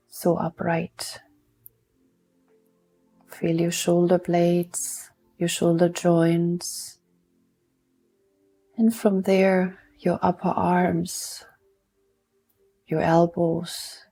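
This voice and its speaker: A woman guides a mindfulness meditation softly and soothingly, taking her time and leaving long pauses between instructions. Her voice is lowish and husky.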